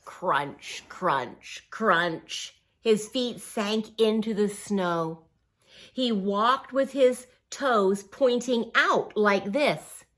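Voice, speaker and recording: Drawing out her words, a medium-pitched woman reads a picture book aloud for young kids. Simple, encouraging phrasing and expressive emphasis mix with little asides and questions.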